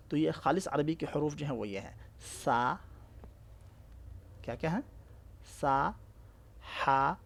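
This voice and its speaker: A man teaching an exam-prep lesson, explaining slowly, spelling out letters one by one and often checking that his listeners follow. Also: medium pitch, creaky.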